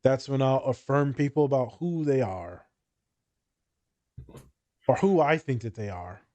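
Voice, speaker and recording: A man's voice: medium pitch, a little slow, warm tone. Candid, sweary male podcast host. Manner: candid, heavily sweary, slangy, joking. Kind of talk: casual podcast chat, storytelling.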